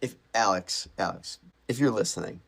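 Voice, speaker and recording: A man's voice: lowish voice, normal speed, fairly bright tone, slightly rough. A man in casual sports podcast chat, playful and joking as he hypes his picks. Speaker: podcast co-host.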